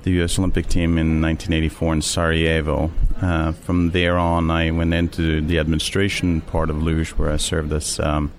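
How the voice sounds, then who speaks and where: A middle-aged man from Norway with a Norwegian accent, answering interview questions in a measured way with many fillers and restarts. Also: extremely low pitch, completely flat delivery, a little hiss or hum. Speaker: interview guest, sports official.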